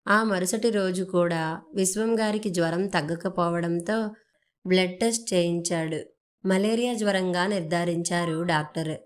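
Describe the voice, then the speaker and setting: A woman's voice: fairly low pitch, moderate pace. Woman narrating an audio story.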